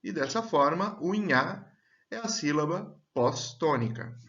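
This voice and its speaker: Slow, deliberate male teacher, lo-fi. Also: fairly high pitch, lively intonation, fairly bright tone. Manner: slow and deliberate, stretching out example words. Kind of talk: slow, clear grammar lesson. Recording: dull, lo-fi sound.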